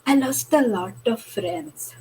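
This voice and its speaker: A woman's voice: on the high side, expressive, takes it slowly, a little mellow, slightly rough, low-quality recording. A woman from Fiji, telling her own business story on a panel in an earnest, candid way, with many fillers. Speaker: online business owner on a panel. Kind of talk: personal story in a panel discussion.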